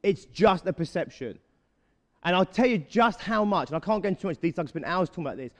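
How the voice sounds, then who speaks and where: A man giving a live motivational talk to a young audience, often checking in with quick rhetorical questions. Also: high voice, expressive, long reverb tail. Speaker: motivational speaker.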